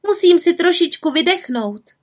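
A woman's voice: extremely high pitch, expressive, pitched above the performer's own voice. A woman doing a cheeky little witch. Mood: innocent. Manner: bright, coaxing and playful. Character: kindly little female witch, cheeky and sweet. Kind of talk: storybook reading.

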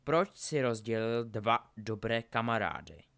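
A man's voice: fairly low pitch, expressive, creaky, a bit bright. A man voicing a sneering, hot-tempered adult male wizard in a storybook reading, taunting and biting. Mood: tense, accusing.

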